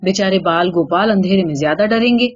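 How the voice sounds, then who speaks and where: A woman's voice: mid-range voice, lo-fi sound, lightly acted. A woman voicing a vain, coy female jackal who complains indignantly and pleads with her husband in a told folk tale. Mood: indignant pleading.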